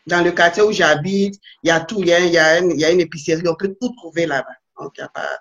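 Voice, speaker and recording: A woman's voice: fairly low pitch, fairly even intonation, fast, lo-fi sound. A woman being interviewed, telling her stories animatedly and restarting often. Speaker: guest, immigrant to Canada. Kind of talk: casual interview. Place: Montreal.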